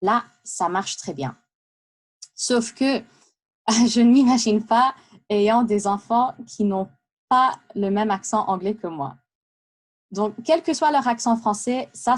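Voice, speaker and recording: A woman giving a prepared talk, lively and chatty, with many asides and hesitations. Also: medium pitch. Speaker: speaker giving a practice talk. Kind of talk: prepared speech for interpreting practice.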